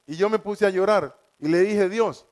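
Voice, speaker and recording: Man, high voice, fervent preaching, repeats words for emphasis. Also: normal speed, a little mellow. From Colombia. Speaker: preacher giving testimony. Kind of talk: evangelical testimony sermon.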